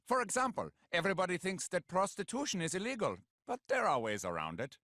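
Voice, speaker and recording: An actor playing a sinister, courtly German puppeteer in an animated sitcom, formal and theatrically polite with a German accent. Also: male voice, high voice, quick pace, dry recording, clean studio sound, full character voice. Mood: courtly, cheerful.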